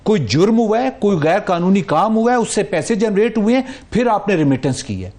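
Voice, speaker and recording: A man, a barrister, making a measured legal argument on a TV talk show, dropping English legal terms. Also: high voice, sing-song, a little mellow. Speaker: barrister guest.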